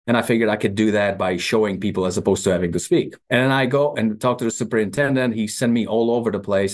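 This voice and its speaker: A man of about fifty with a Czech accent, from the Czech Republic, appears as an interview guest and is a company CEO. He recounts his story in a fairly low voice at an unhurried, matter-of-fact pace, slipping in dry, wry asides.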